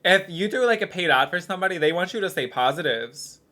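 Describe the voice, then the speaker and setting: A man's voice: sits high, lively intonation, fast talker, bright, forceful tone. A man streaming live and commenting on a video in a rambling way, full of "like" fillers.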